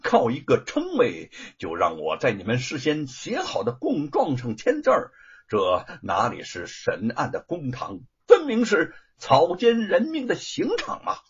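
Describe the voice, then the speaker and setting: A storyteller voicing a defiant young scholar who fires back with question after question, his voice rising and falling widely. it is husky and comes through a dull, lo-fi recording. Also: on the high side, wildly swooping pitch, unhurried, full character voice. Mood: indignant. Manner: forceful, indignant, rhetorical. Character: defiant young male scholar, proud and indignant.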